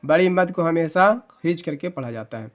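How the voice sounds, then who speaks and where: A male Quran teacher with a slightly high, expressive voice gives a letter-by-letter spelling lesson. He patiently explains the reading rules, spelling syllables slowly and then drawing out each joined word.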